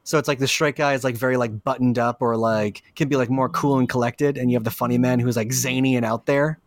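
A man co-hosting a podcast in casual chat, rambling and swearing, quick to jump into loud silly voices. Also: mid-range voice, fairly even intonation, no echo, studio quality. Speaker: podcast co-host.

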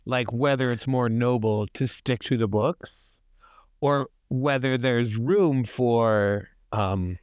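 A man's voice: slow pace, a little mellow, clean tone, no echo, clean studio sound. A man co-hosting a casual film podcast, chatty and full of fillers. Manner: wide-swinging pitch, chatty with fillers. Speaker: podcast co-host.

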